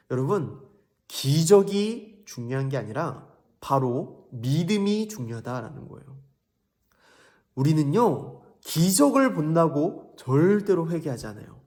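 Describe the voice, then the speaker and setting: Young male kids' preacher, higher voice, lively questioning storyteller. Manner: animated storytelling, asks kids questions. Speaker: children's ministry preacher. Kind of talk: children's sermon.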